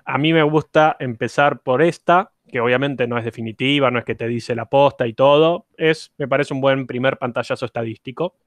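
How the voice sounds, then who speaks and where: A man's voice: medium pitch, normal speed, few pauses, dry recording. A man teaching an online university class, explaining step by step and putting questions to his students. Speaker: university lecturer.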